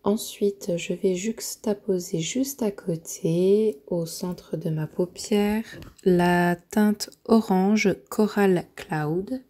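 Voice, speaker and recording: A woman narrating a makeup tutorial, hesitant and full of filler pauses, often dropping to a near-whisper while she works. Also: medium pitch, dark tone. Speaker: beauty vlogger.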